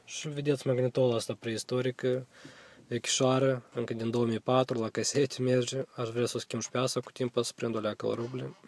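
A man's voice: medium pitch, flat delivery, a little mellow. A young man with a Moldovan accent, filming a casual car walkthrough vlog on his phone inside a parked car, talking in a rambling, hesitant way with many fillers. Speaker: vlogger. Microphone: handheld phone camera.

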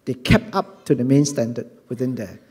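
A middle-aged man with a Singaporean English accent preaching a sermon on a church stage into a handheld mic, earnest and animated, often repeating words. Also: mid-range voice, normal speed, breathy edge. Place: large church hall on a stage. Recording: long hall reverb.

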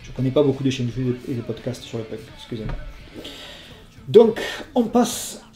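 A man's voice: mid-range voice, level tone, very fast, roomy sound, over music. A man hosting a casual question-and-answer video, talking hesitantly with lots of fillers and apologies. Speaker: channel host answering viewer questions. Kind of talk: casual FAQ video chat.

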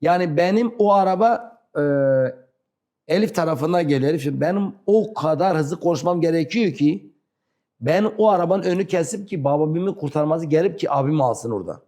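A man with a southeastern Turkish accent tells personal stories in broken, non-fluent Turkish, halting and repeating himself. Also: on the high side, lively intonation, warm tone. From rural southeastern Turkey. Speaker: interview guest. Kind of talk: animated personal storytelling.

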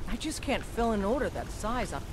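An actress voicing a practical female blacksmith in a video game, brisk and matter-of-fact. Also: on the high side, big pitch swings. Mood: businesslike.

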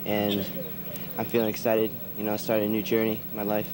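A man's voice: on the low side, completely flat delivery, fairly quick, background noise. A young man, an incoming cadet, answering earnestly in a short interview. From United States. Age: young adult.

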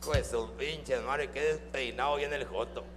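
A man's voice: mid-range voice, steady tone, unhurried, long reverb tail, faint music behind, voice pushed down, natural voice. A man voicing a foul-mouthed male puppet who roasts the crowd with vulgar jokes, in a Mexican accent. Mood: mocking. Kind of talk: live ventriloquist comedy.

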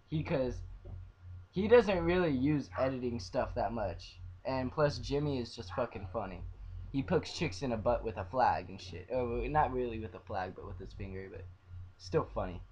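A young man ranting in a profane vlog, swearing nonstop and repeating himself as he swings between loud outbursts and low mutters. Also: dull audio. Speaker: vlogger.

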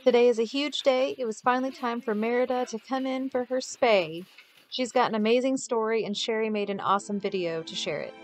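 A woman's voice: on the high side, fairly quick. A woman narrating a dog rescue clinic vlog in an earnest, heartfelt voice-over.

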